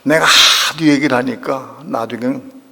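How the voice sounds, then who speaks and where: A man's voice: medium pitch, moderate pace, vocal fry, bright, forceful tone. An older male pastor preaching a sermon, telling a personal story with strong emotion and acting out the people he quotes. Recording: long reverb of a church hall.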